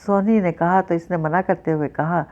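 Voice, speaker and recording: Woman narrator, audiobook novel reading, low mellow voice, dull lo-fi sound. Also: steady tone. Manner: reads all characters' dialogue in a mostly plain voice, with small restarts. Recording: dull lo-fi recording.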